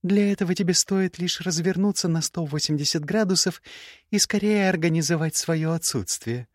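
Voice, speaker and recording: A man reading an audiobook voices a sharp-tongued, sarcastic young woman mage in a high, mocking tone. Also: normal speed, dry recording, studio quality, lightly acted. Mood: scornful. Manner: cutting, mocking, icy sarcasm. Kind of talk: audiobook character voice.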